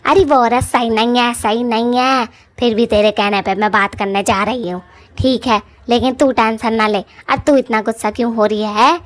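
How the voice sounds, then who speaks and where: A gossipy middle-aged mother from a cartoon, voiced by a woman. She nags and frets in homely, folksy speech, pitched a bit high and spoken loud. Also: steady tone, normal speed, lightly acted. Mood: nagging. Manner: nagging, rustic folksy speech.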